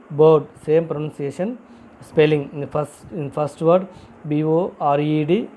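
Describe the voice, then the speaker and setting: A man's voice: on the high side, mellow, muffled recording. A man teaching a vocabulary lesson, spelling words out letter by letter and repeating each example sentence. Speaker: English teacher.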